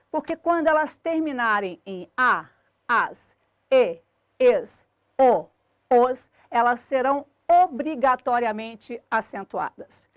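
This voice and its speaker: A Brazilian woman teaching Portuguese grammar, giving a clear, didactic lesson and drawing out each example word and ending. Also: high-pitched, dry recording.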